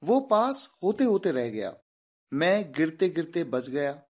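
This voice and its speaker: Male English teacher, Indian English accent, slow, careful sentences, lively intonation, online lesson. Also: fairly high pitch. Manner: reads English sentences slowly and deliberately for learners; addresses viewers directly, encouraging. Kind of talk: online video lecture.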